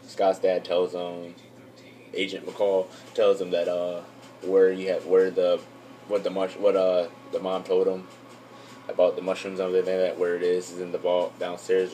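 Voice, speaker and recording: A young man with a low, mellow voice talks through a TV episode recap in a loose, meandering way. He keeps circling back and piling on fillers, and his delivery stays flat and even throughout. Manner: rambling, filler-heavy, loses track. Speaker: YouTube reviewer.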